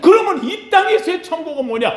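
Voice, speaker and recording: Male pastor, high and very animated delivery, sermon in a reverberant sanctuary. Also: a little fast. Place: church sanctuary. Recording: echoey church sanctuary.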